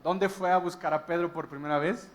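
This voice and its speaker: A man delivers a sermon, telling the story with emphasis and pausing for awed exclamations. His voice sits a little higher than most men's. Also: steady tone, a little hiss or hum. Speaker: guest pastor.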